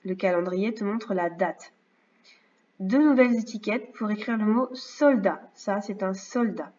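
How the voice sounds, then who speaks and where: Patient woman teacher, slow and clear. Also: mid-range voice, a little mellow. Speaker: first-grade teacher. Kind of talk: remote lesson narration over slides. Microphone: computer mic. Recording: slightly dull lo-fi sound.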